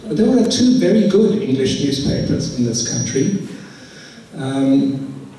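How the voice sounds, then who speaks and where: A middle-aged man who is losing his voice gives a slow, encouraging talk on an exam to students at a school, taking questions afterwards. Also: medium pitch, very animated, dark tone, slight background noise. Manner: slow, encouraging, repeats himself. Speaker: IELTS teacher giving a talk to students. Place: large echoey school hall. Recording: echoey hall from far off.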